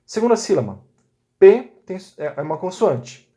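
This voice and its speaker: A man walks through a recorded lesson one step at a time, pausing to check in with his listeners. His voice sits a little higher than most men's, and his pace is patient and methodical. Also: very animated, warm tone. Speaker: Biblical Hebrew teacher.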